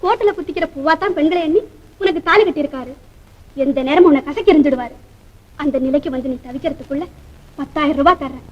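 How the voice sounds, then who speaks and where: A woman's voice: high voice, quick pace, muffled recording, natural voice. An actress playing a jealous rich young woman who talks in a bitter, taunting way in a classic film. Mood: scornful.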